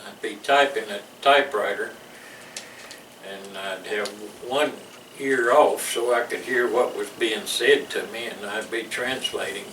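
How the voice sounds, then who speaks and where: An older man with a Southern American accent, his voice on the low side, a little slow and slightly bright, rambles through folksy service memories as a veteran being interviewed, chuckling between stories. The room is echoey, the mic sits far away, and background noise is clearly audible.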